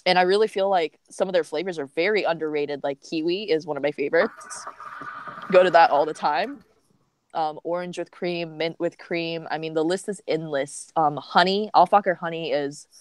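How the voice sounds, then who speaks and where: A woman's voice: deep voice, normal speed, smooth, no room sound. A woman joining a livestream over a remote call as a guest, giving frank opinions and thinking aloud with many fillers. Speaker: guest co-host. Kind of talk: casual livestream chat.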